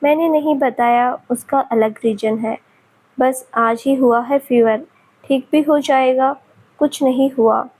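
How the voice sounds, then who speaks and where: A woman voicing a feverish young man who speaks softly and possessively to his beloved. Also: high voice, steady tone, slow, low-quality recording. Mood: tender. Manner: soft, soothing.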